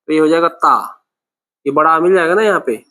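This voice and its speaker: A man's voice: fairly high pitch, pushed and bright. A man teaching Sanskrit grammar in a classroom, patiently repeating words and checking that students follow. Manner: patient, repeats words slowly, asks "okay?" often. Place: classroom at a temple centre.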